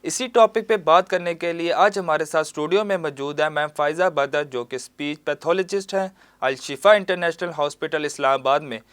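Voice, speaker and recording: एक पुरुष host studio interview चलाते हुए, जो औपचारिक ढंग से अभिवादन करता है और मेहमान से सवाल पूछता है।. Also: male voice, on the high side, moderate pace, fairly bright tone, clear, resonant tone. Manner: formal greeting, short affirmations. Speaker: news show host. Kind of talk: studio interview hosting. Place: news studio.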